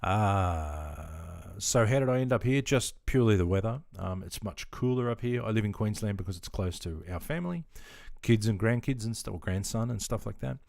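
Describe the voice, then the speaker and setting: A middle-aged Australian man, voice on the low side, animated, creaky and a little mellow, chats at a moderate pace on a live stream. Recorded clean in a studio with no room sound, he answers viewers in an easygoing, filler-heavy way and keeps saying mate.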